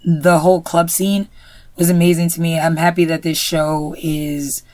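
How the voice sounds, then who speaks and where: A woman with a low voice talks through a TV episode in loose, casual chat. She leans on "you know" again and again. The sound is close and dry. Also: level tone, normal speed, a little mellow, no echo. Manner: chatty, many "you know" fillers. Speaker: podcast co-host. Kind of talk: casual review discussion.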